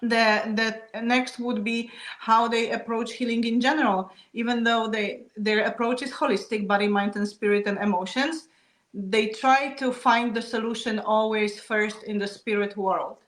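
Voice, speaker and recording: A woman guest explaining her topic calmly, now and then with a soft laugh. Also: a little high, normal speed. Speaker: guest speaker. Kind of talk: explanatory talk on traditions. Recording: roomy echo.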